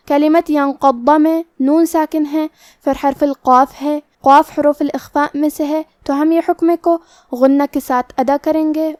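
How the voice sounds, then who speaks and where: A woman teaching Quran recitation rules step by step, methodical and repetitive in her phrasing, with slow chanted recitation between explanations. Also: high voice, a little mellow, no room sound, studio quality. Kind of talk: step-by-step tajweed lesson.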